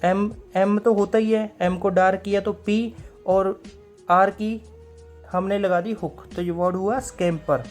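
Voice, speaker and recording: A man's voice: high voice, steady tone. Male teacher, patient and methodical, repeats key terms, faint music underneath. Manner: methodical, repeats key words, slows down to read out rules. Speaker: stenography teacher. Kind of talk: recorded class lesson.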